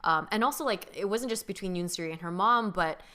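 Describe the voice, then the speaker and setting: Thoughtful bright-voiced young woman. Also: lowish voice, quick pace. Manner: thoughtful, reflective, many fillers. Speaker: podcast co-host. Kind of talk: casual chat.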